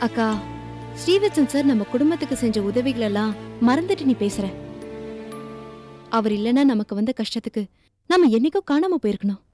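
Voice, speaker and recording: A woman's voice: a little high, expressive, fairly quick, long pauses, over music, natural voice. An actress playing a devoted young woman firmly standing by her decision, in a TV serial. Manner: earnest and determined. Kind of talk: TV serial acting.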